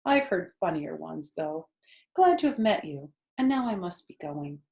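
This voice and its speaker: A woman's voice: sits low, sing-song, measured pace, creaky, a little mellow, reverberant, exaggerated voice. A woman voicing a wise, frank female spider, polite and precise, in a storybook reading. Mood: dry, disapproving.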